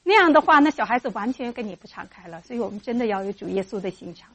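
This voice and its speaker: This woman's voice sits on the high side and is slightly rough, moving at a quick pace. She's teaching mothers at church about raising children in faith, animatedly performing both parent and child voices.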